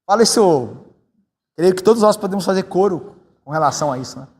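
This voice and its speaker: A man from Brazil, a pastor preaching a sermon in a conversational way, often tagging his points with quick questions to the congregation. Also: husky. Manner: conversational, tag questions, animated swings in pitch. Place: church sanctuary. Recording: church hall with long reverb.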